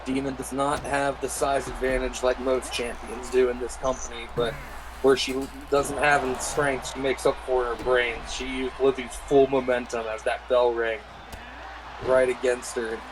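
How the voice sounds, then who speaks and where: A man with a medium-pitched voice gives wrestling commentary as the second voice at the desk. He offers analysis and brief reactions. Noise is clearly audible behind him. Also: flat delivery, normal speed. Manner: adds analysis and short reactions. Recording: clearly noisy recording.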